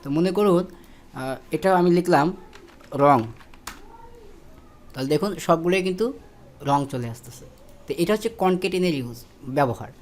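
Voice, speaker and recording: A man's voice: high voice, animated, normal speed, long pauses. A man, teaching a spreadsheet tutorial step by step, with fillers and self-corrections. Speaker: instructor. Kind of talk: screen-recorded spreadsheet tutorial.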